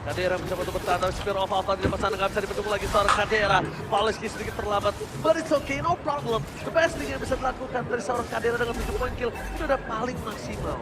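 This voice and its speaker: A man's voice: high-pitched, fairly even intonation, very fast, hardly any pauses, over loud music, low-quality recording. A man with an Indonesian accent casting an esports match like a fighting game announcer, dramatic, with English catchphrases mixed in. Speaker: esports play-by-play caster. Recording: loud crowd and arena noise behind. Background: cheering crowd, loud event noise.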